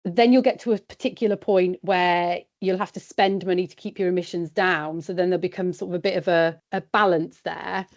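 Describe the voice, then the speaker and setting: A woman's voice: fairly low pitch, fairly even intonation, fairly quick, few pauses. A woman from West Wales, speaking in a chatty, practical way as an independent sheep consultant in a podcast interview. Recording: dull, lo-fi sound.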